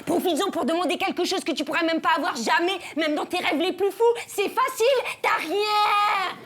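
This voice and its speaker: A woman playing an exasperated, bossy, excitable character who pleads in exclamations in a comic radio play. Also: extremely high pitch, normal speed. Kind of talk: comic radio fiction acting. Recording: faint background noise.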